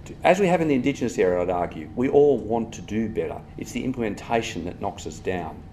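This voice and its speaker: A man with an Australian accent speaks at a conference, talking fast with emphatic stress. His voice sits on the low side, and he keeps cutting into his own sentences with asides. Faint ambient noise runs underneath. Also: expressive, mellow. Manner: brisk, digressive, emphatic with asides. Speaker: conference speaker on health policy. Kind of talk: live conference talk.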